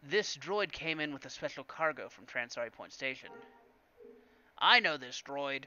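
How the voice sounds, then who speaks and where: A man voicing a gruff, greedy male alien junk dealer who talks loud and pushy while he haggles. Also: mid-range voice, lively intonation, normal speed, muffled recording. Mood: haggling.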